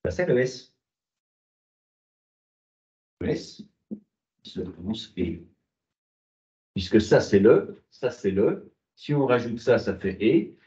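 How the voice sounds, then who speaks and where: A man's voice: fairly low pitch, very animated, slow, pauses often, warm tone. A man lecturing a university class, asking rhetorical questions and answering them himself. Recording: muffled, echoey classroom.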